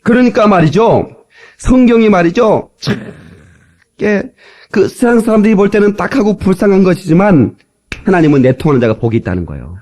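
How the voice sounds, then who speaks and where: A man's voice: high voice, sing-song, a little fast, mellow. A male pastor preaching a chatty, joking sermon, recorded in church on an old cassette tape. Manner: chatty, joking preacher who breaks into dialect recitations.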